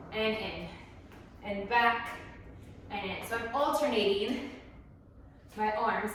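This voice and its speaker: Woman coaching stretches in an echoey room. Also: on the high side. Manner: encouraging, talks while exercising. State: slightly out of breath. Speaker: fitness instructor. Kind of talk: guided stretching class. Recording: very echoey room, distant mic.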